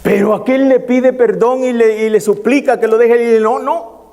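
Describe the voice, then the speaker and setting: A man's voice: extremely high pitch, steady tone, warm tone. Preaching man in a reverberant church. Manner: preaching with many pauses and repeated "hermano". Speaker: pastor. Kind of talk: sermon.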